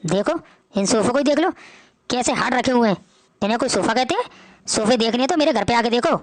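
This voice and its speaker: Woman voicing a bossy rich son-in-law in a family drama, rapid and high-pitched, sneering at everyone. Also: animated, no echo, natural voice. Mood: scornful. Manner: scornful, bossy. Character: arrogant rich male son-in-law, boastful. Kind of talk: Hindi family drama acting.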